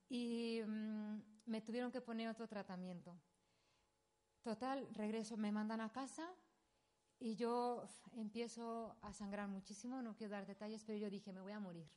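A woman in her thirties telling a painful personal story as a sermon testimony, halting and emotional with many restarts. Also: medium pitch, darkish tone. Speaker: preacher sharing a testimony.

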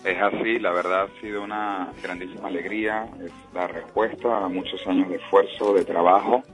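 A man born in Venezuela, a politician speaking as a radio interview guest in a measured, earnest way, heard over a phone line. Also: low-pitched, fairly even intonation, soft background music.

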